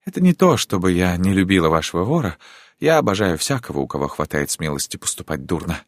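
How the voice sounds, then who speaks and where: A man's voice: deep voice, sing-song, fast talker, no echo, voice pushed up. A man plays a passionate countess who pleads and insists with dramatic intensity, her voice lifted well above his own. The audiobook read is dry and close, with no room sound. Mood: teasing. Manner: dramatic, impassioned, imploring. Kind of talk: audiobook character reading.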